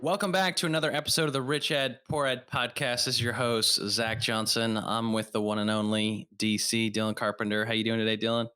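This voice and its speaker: Male podcast host, bright upbeat tone, dry close mic, jokey and eager. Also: mid-range voice, clean tone, no echo, faint music behind. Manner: excitable, quick, joking. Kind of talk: casual podcast chat.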